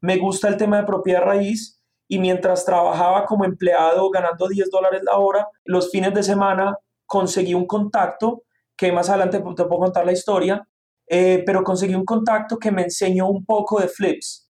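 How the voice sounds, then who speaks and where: High-voiced Colombian man telling his story. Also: little pitch movement, moderate pace, a little mellow. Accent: Colombian, Medellín. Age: 30s. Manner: earnest, storytelling, with frequent fillers. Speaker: guest, real estate investor. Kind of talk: personal story in an interview.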